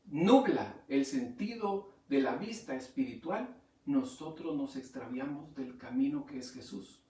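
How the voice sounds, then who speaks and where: A man pastor preaching a sermon, swinging from quiet asides to loud emphatic rises. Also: a little high, roomy sound, far from the mic. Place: church.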